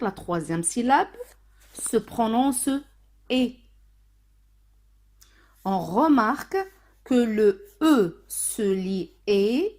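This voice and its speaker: Very slow woman teaching phonics. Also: mid-range voice, a little mellow. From Morocco. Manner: slow, deliberate, syllable by syllable. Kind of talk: phonics lesson for children.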